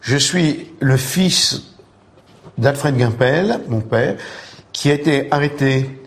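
A man in his eighties giving a slow, solemn personal testimony in a video clip. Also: medium pitch. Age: 80s.

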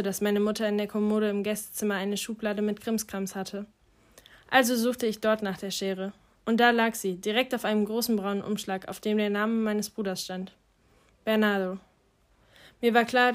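Quiet, reflective woman narrating an audiobook. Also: mid-range voice.

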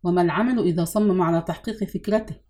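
A woman's voice: lowish voice, racing, dark tone, lightly acted. A woman voicing a sulky, curt adult man in an audiobook reading.

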